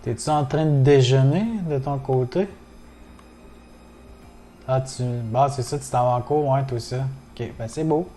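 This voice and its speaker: Québécois male streamer, mellow low voice, loose casual chatter peppered with curses, addresses chat directly. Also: fairly even intonation, a little slow, pauses often, faint music behind. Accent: Québécois French. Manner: swears often, chatty, greets viewers in chat. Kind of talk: casual gaming livestream chat.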